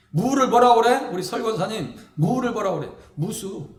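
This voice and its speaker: A Korean man with a Chungcheong accent preaches in a high, carrying voice. He talks to the congregation in a conversational way, asking them questions and acting out the people in his story. The church room around him is echoey. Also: expressive, a little slow. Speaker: pastor. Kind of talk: sermon.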